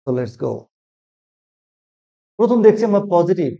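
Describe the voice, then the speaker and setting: Man, high voice, mellow tone, grammar lesson, asks then answers his own questions. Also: big pitch swings, measured pace, creaky. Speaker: English grammar teacher. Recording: dull, muffled lo-fi sound.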